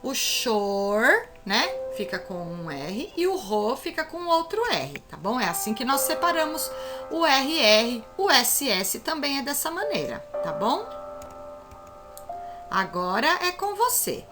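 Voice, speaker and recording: A woman teacher with a Brazilian Portuguese accent gives a recorded reading lesson for children, speaking slowly and over-articulating her example words. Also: high-pitched, sing-song. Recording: clear background music.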